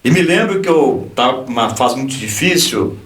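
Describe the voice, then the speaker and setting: A man's voice: medium pitch, normal speed, a little hiss or hum. Brazilian man telling a story in an echoey room. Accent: Brazilian Portuguese. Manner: animated storyteller, acts out dialogue, frequent restarts. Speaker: lawyer and pastor, podcast guest. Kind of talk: personal testimony in casual conversation. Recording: echoey room, distant from the mic.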